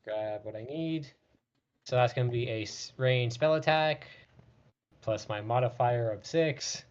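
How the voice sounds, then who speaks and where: A man's voice: mid-range voice, a little slow, dull audio. A man playing a tabletop role-playing game, talking casually through his moves. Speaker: player in a tabletop RPG.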